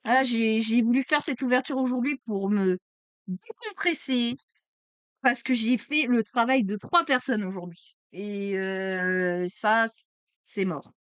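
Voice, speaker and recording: A woman streaming a card opening, chatty and excitable, exclaiming over each card. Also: on the high side, slow, smooth, no room sound. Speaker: streamer opening trading cards. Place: at home desk.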